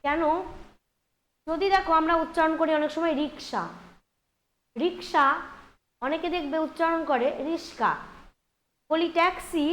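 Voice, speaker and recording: High-voiced woman teaching grammar. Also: a bit bright, slight background noise. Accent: Bengali. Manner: explains step by step, often asks "ঠিক আছে?". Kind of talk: grammar lesson.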